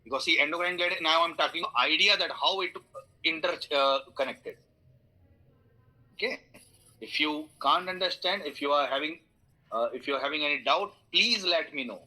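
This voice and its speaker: A man with an Indian English accent lecturing online, his voice very bright and slightly high. He explains through everyday analogies, fills pauses with "uh" and "okay", and keeps inviting students to ask questions. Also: rough recording. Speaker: instructor.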